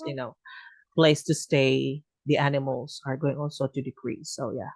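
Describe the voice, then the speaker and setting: Gravelly man in rambling chat. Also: medium pitch, no echo. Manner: rambling, many "you know" fillers, joking asides. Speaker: discussion participant. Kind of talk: casual online group discussion.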